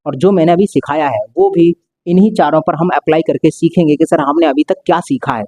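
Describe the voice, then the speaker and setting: A man's voice: a little high, fairly quick, warm tone, no echo. A male maths teacher explaining a lesson step by step, repeating and stretching out key words.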